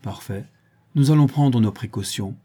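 A man's voice: mid-range voice, normal speed, warm tone, breathy edge, lightly acted. A man voicing a drunk, mocking middle-aged villain who taunts his captive in an audiobook. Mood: sly scheming. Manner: sneering, jovial, taunting. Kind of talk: audiobook character voice.

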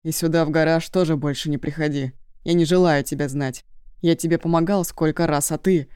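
Lady doing an angry young guy yelling at his friend, low dark voice, harsh, dry sound. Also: steady tone, fairly quick, smooth, no echo, natural voice. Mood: furious. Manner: shouting, harsh, accusing. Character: furious betrayed young man, hot-tempered friend.

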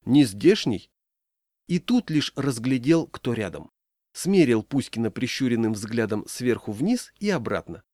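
Man reading a story with lively pitch. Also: normal speed, no room sound, clean studio sound. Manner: lively storytelling, voicing characters. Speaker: audiobook narrator. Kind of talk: expressive audiobook reading.

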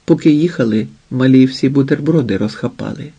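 A man reading an audiobook in a quiet, intimate, unhurried way. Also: mid-range voice, husky, dull audio. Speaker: audiobook narrator. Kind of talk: scripted narration.

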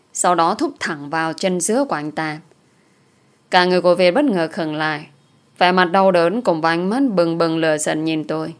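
A woman narrating a dramatic audio story in the first person, in a steady storytelling manner. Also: fairly low pitch.

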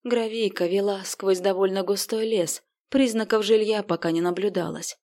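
A woman narrates an audiobook. She reads in an even storytelling manner at a middle pitch. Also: moderate pace. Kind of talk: scripted narration.

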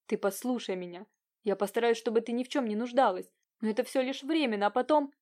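A woman voicing a passionate, bitter young peasant man in an audiobook, speaking low and hushed with intensity. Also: fast, close to an everyday voice. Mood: pleading.

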